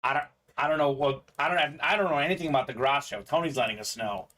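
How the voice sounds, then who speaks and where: A man's voice: mid-range voice, rapid-fire, pushed and bright. A man from Bulgaria hosting a live sports memorabilia break, chatty and upbeat, reading out viewer comments as he goes. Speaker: sports card break host. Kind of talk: live-stream sales patter.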